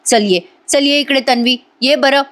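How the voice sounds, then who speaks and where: A woman voicing a protective young husband who soothes and coaxes gently. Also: sits high, moderate pace, voice pushed up. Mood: soothing. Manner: soothing, coaxing.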